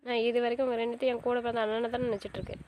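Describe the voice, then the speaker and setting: A woman's voice: fairly high pitch, rapid-fire, noisy background, lightly acted. An actress playing a young wife and new mother, hurt and stubborn, speaking coldly in a melodramatic family drama. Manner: cold, flat, stubborn. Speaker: actor in a web drama.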